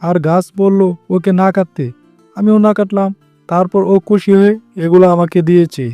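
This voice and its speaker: A man voicing a good-hearted poor woodcutter fox, a devoted husband, in an earnest, expressive cartoon style. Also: sits high, normal speed, clean tone, dry recording, soft background music, close to an everyday voice. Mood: excited. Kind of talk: cartoon voice acting.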